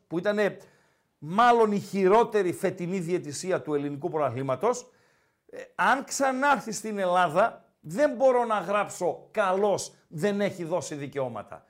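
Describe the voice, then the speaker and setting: A man with a Greek accent hosting a casual sports talk podcast, who teases his co-host and keeps repeating his name. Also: high-pitched. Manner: teasing, animated, repeats the co-host's name.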